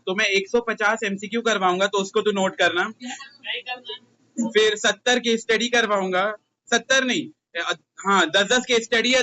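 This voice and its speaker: A man's voice: sits high, bright, forceful tone, rough recording. A young Indian man, a commerce tutor, talking casually with his class and teasing his students.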